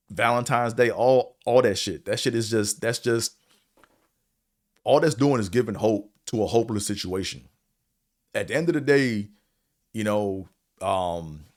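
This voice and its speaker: A show host with a deep, low voice gives a casual opinion monologue reviewing a series. He is blunt and swears freely. He wanders between points with a slight stutter, filling gaps with "man" and "you know."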